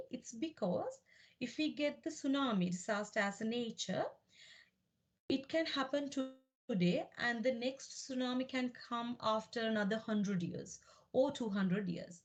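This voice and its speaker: A woman from Sri Lanka giving an academic lecture about her doctoral research, speaking in a measured, explanatory way with frequent fillers and restarts. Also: on the high side.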